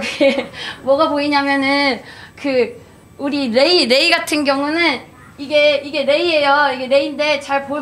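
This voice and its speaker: Bright high-voiced woman giving testimony. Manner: rambling, many fillers and restarts, laughs often. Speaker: church member giving testimony. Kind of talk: spontaneous testimony talk. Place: church gathering.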